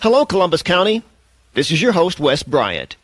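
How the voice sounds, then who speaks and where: Man doing a brash male radio host, smooth-talking, bantering, lively pitch, higher voice, dry sound. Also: no room sound. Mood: upbeat. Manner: upbeat on-air banter, quick to charm.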